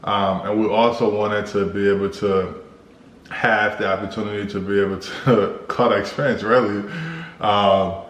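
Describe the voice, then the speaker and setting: An American man co-hosting a casual Q&A vlog, explaining things in a measured, halting way. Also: lowish voice, fairly even intonation, a bit bright. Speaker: vlog co-host. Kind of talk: casual couple Q&A chat. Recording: roomy echo with clear background noise.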